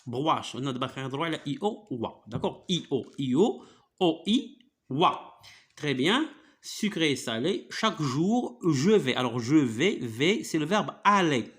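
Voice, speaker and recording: A man's voice: on the high side, very animated, measured pace, a bit bright. A man teaching French one-on-one, patiently spelling out sounds and often checking "d'accord?". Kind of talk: one-on-one reading lesson.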